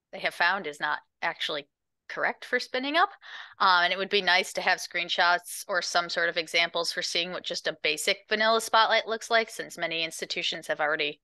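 A woman's voice: on the low side, pushed and bright, clear, resonant tone, dry recording. A woman reporting her group's goals in an online meeting, reading steadily through notes. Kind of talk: meeting report-out on a video call. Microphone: video call.

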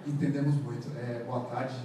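A man's voice: medium pitch, flat delivery, moderate pace, mellow. A man with a Brazilian accent asking a question as a reporter at a press conference. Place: indoor press conference room. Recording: echoey room, distant mic, clearly noisy.

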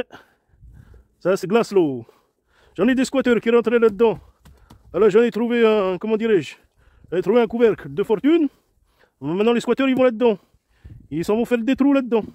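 A man's voice: high voice, dark tone, dry recording. A tired man chatting to himself outdoors as he films his garden DIY from a camera strapped to his head. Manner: rambling, chatty, talks to himself and his animals. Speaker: vlogger doing garden DIY. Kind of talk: casual self-narrated vlog. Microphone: head-mounted camera.

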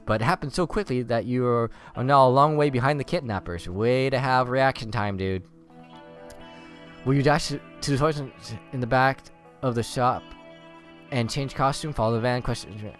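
A man's voice: mid-range voice, a bit bright. A man playing an interactive story game, reading its text aloud and making sarcastic, profane comments. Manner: sarcastic, swears and laughs at the story. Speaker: let's play host.

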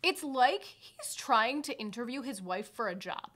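A woman's voice: a little high, expressive, measured pace, fairly bright tone. A woman, chatting casually and wryly as a podcast co-host into a close microphone. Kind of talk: casual chat, TV show recap. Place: small indoor podcast set with bookshelves. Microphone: desk microphone on a stand, close.

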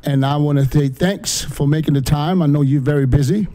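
Middle-aged male podcast host, slightly high, mellow tone, eager repeating questions, close studio mic. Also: fairly even intonation, brisk. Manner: eager, repetitive, upbeat questioning. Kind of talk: casual interview chat. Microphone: studio mic with headphones.

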